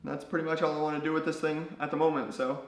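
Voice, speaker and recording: A hoarse young man losing his voice, chatting casually to his vlog audience in a garage, rambling with plenty of fillers. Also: on the high side, fast. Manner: relaxed, rambling, many fillers. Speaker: car-build YouTuber. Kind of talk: casual vlog talk to camera. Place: home garage. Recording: echoey garage.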